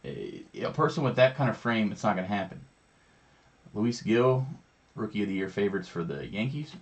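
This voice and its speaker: A man with a lowish voice hosts a live trading card break, reading off each pull in a steady, easygoing commentary. He chats casually between cards, relaxed and matter-of-fact. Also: normal speed. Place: indoor studio with a branded backdrop.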